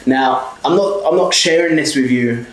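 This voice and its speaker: A rough, reverberant recording captures a South London small business owner in his twenties, medium-pitched and at normal speed, mentoring viewers bluntly to camera. He curses constantly and repeats "okay?" throughout his motivational talk.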